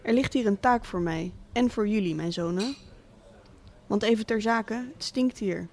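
A woman reading a literary monologue as a cynical, wealthy absent father, speaking in a dry, deliberate, sardonic way. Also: mid-range voice, a little mellow, a little hiss or hum, close to an everyday voice. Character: cynical rich middle-aged father, absent tycoon.

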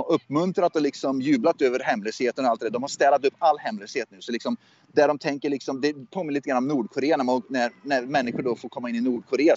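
A man of middle pitch talks through current affairs in a loose, hesitant way, stumbling over words and starting again. His voice comes through a dull, lo-fi line with a dry, close sound. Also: a little mellow, no echo. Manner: hesitant, repeats and restarts words. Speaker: USA correspondent. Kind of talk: casual political chat. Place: southwestern USA.

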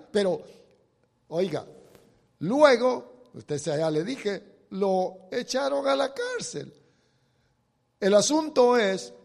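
A man's voice: high-pitched, creaky, long reverb tail. A middle-aged man preaching a sermon, retelling a Bible story dramatically and talking straight to the listeners. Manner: dramatic storytelling with acted quotes, direct address.

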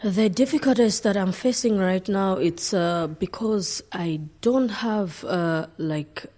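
A woman from Zambia being interviewed, speaking in a halting, hesitant way. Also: mid-range voice. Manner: halting, hesitant, soft-spoken.

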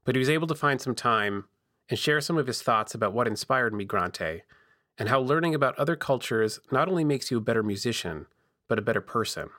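A man's voice: mid-range voice, expressive, a little fast, a bit bright, studio quality. A man hosting a podcast, reading scripted narration from a makeshift booth in a home basement with some basement echo. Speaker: podcast host.

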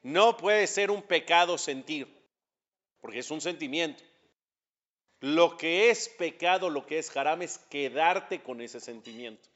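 A man's voice: fairly high pitch, expressive, a little slow, a bit bright, dull audio. A man, a rabbi with a Mexican accent, giving a religious lecture, asking the audience questions and building to emphatic peaks. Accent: Mexican Spanish.

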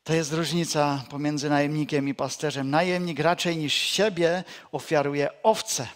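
In a steady tone, a male pastor delivers a deliberate, slow sermon, circling back to key phrases and lowering his voice to a hush for emphasis, with some folksy anecdotes mixed in.

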